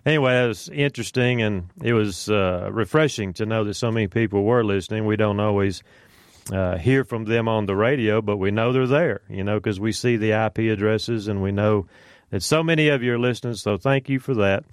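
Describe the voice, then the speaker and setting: Speaking a little fast in a lowish, clean voice, a man makes casual morning chat on a religious radio show, folksy and full of fillers, naming listeners as he greets them. He's in a radio studio on a studio microphone, with clean sound and no room sound.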